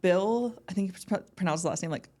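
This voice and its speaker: A woman's voice: lowish voice, quick pace, a little mellow. A young woman speaking as a podcast guest, chatty and upbeat, with many "like" and "um" fillers. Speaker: guest, ballpark entertainment manager. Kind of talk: casual interview chat.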